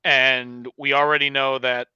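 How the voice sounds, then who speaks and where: A man's voice: medium pitch, level tone, a little slow, pushed and bright, smooth, no echo, lo-fi sound. A man on a casual wrestling panel, making dry jokes between stumbles.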